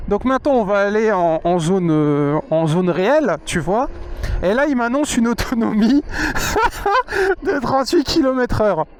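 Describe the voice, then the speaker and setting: A man's voice: high voice, animated, normal speed, darkish tone, slight background noise. A man giving casual, informal ride-along commentary, thinking aloud, his voice muffled inside a motorcycle helmet. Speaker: motovlogger test-riding an electric motorcycle. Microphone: microphone inside the helmet.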